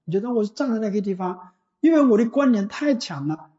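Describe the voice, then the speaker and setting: A Buddhist teacher giving a slow, deliberate dharma talk, often pausing to ask the listeners whether they follow. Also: mid-range voice, expressive, dark tone. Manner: slow and deliberate, often asking "you know?". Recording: dull lo-fi recording.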